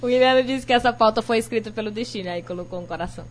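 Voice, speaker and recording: A woman hosting a podcast, asking the panel quick questions and steering the talk. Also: a little high. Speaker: podcast host. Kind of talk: casual chat.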